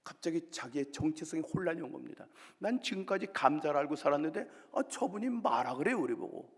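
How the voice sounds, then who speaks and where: Gravelly older pastor in a reverberant hall. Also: male voice, fairly high pitch, a little fast. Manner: animated storytelling with character voices and dramatic whispers. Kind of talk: revival sermon. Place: church sanctuary. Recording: long church hall reverb.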